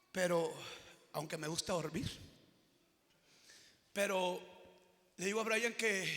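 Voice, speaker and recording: A male pastor preaching a sermon, moving between shouted, sung-out exhortation and quiet storytelling. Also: extremely high pitch, big-room sound.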